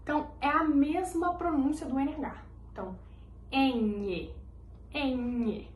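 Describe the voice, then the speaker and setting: Lady teacher going through the alphabet real slow, kinda high voice, echoey room. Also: a little hiss or hum. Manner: patient, drills each letter by repeating it slowly. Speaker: Spanish teacher. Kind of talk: language lesson explanation. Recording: roomy echoey recording.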